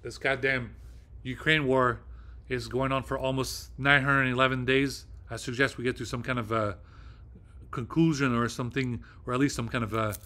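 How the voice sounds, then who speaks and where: A man's voice: medium pitch, fairly even intonation, normal speed, bright, forceful tone. A man hosting his own video, talking off the cuff in a rambling, agitated way, with heavy fillers and swearing. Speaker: video host. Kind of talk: casual monologue.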